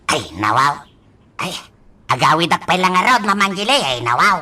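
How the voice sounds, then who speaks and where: A woman's voice: on the low side, animated, moderate pace, sharp tone, recorded from a distance. A woman voicing a bumbling old male servant who keeps repeating a catchphrase, in a comic radio drama. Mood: whiny, pleading.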